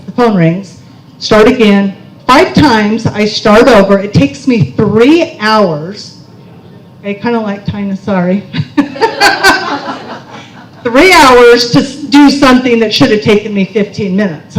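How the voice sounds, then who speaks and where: A middle-aged woman speaks at a conference, telling a personal story in a chatty, self-mocking way. She keeps checking in with the audience by asking "okay?". Her voice sits at a middle pitch and echoes around a roomy hall. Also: a little hiss or hum.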